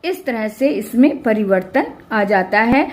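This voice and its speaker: A woman with a fairly high voice and lively intonation teaches a classroom-style grammar lesson. She explains patiently, checks that students follow with tag questions, and reads her examples out slowly and clearly.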